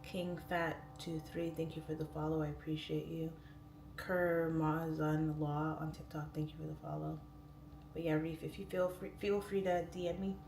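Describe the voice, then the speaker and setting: A woman's voice: low voice, level tone, moderate pace, a little mellow. A woman in her late thirties chatting casually as a livestream host, her speech slightly impeded by a swollen, newly pierced tongue. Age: late 30s. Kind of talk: casual livestream chat, reading viewer comments aloud. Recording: roomy echo, distant mic, clear background noise.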